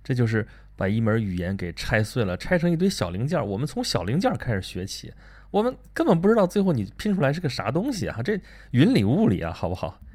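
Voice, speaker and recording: A man hosting a casual talk, animated and chatty, asking himself rhetorical questions. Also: medium pitch, quick pace. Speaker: podcast host. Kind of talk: casual monologue on learning and reading.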